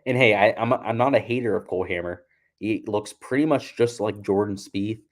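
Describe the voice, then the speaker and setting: A chatty young man with a slightly low voice talks golf picks in a loose, casual way. He tells stories and laughs at himself as he goes. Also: normal speed. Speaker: golf betting channel host. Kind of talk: casual talk.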